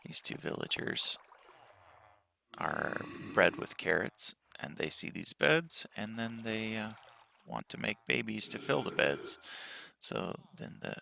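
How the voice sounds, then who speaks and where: Deep, gravelly man with a morning voice. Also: a little hiss or hum. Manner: relaxed walkthrough with frequent pauses and fillers. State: morning voice, just woke up. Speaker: game player. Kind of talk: game world tour commentary.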